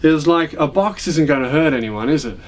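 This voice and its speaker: A man's voice: a little high, expressive, brisk, slight background noise. An Australian man, a record collector, chatting casually in an interview, hesitant and full of restarts. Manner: hesitant, with many fillers and restarts.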